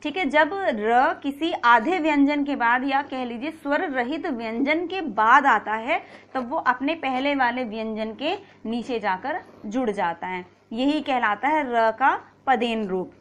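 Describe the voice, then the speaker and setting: A woman's voice: high-pitched, lively intonation, a little slow, hardly any pauses, a bit bright. A woman teaching a grammar lesson, patiently explaining, asking and answering her own questions, and repeating key points.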